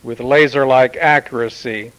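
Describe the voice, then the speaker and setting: A man channeling a solemn male Martian commander who addresses Earth in formal, measured pronouncements with long pauses. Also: medium pitch, fairly even intonation, fairly bright tone, lightly acted, rough recording. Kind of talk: channeled spiritual message.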